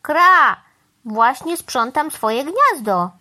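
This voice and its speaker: A woman voicing an excitable, fussy male crow who squawks indignant exclamations. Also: sits high, drawn-out words, voice pushed up, heavily acted. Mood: bossy.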